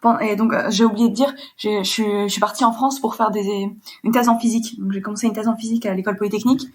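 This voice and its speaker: Young polish-born woman in her 20s, sailor guest, chatty and explains stuff easily, mid pitch. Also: fairly even intonation, fast talker. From Poland. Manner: fluent, explanatory storytelling. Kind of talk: casual interview chat.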